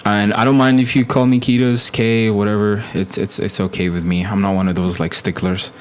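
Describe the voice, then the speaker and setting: A man's voice: on the low side, level tone, fairly quick, slight background noise. A young man from Ethiopia chatting casually on a live stream, rambling with many fillers and restarts.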